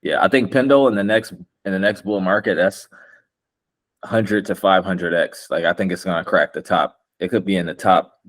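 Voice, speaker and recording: A man's voice: sits low, normal speed. A man chatting casually about crypto investing in a slangy, confident, boastful bro manner. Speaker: crypto investor and video maker.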